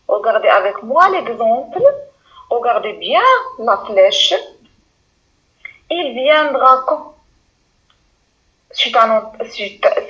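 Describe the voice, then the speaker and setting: A woman's voice: fairly high pitch, sharp tone, dull audio. A woman teaching a lesson to primary school pupils, speaking patiently, repeating words and addressing the class directly.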